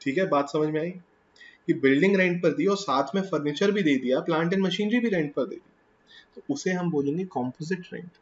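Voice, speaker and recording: A man with an Indian accent gives a classroom lecture on tax, his voice sitting a little high for a man. He switches freely between Hindi and English and keeps putting questions to the class before answering them himself. The recording is slightly dull, with faint noise underneath. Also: normal speed.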